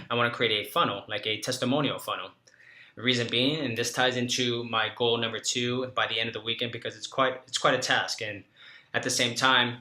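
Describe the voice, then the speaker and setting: A man from Los Angeles County rambling casually to camera about his marketing work, often correcting himself and clearing his throat. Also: mid-range voice, sharp tone, echoey room. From Los Angeles County, California. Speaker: marketing agency owner. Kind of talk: casual vlog talk to camera.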